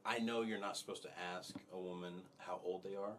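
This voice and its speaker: A man's voice: low-pitched, fairly even intonation, fairly quick, fairly bright tone, a little hiss or hum. A man hosting a casual interview who asks friendly, encouraging questions and often restarts his sentences. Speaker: interviewer, host.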